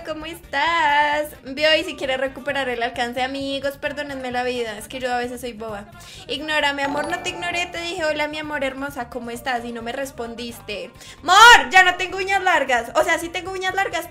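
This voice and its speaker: A young woman, a high squeaky voice, chatting and teasing as she reads her live-stream chat aloud.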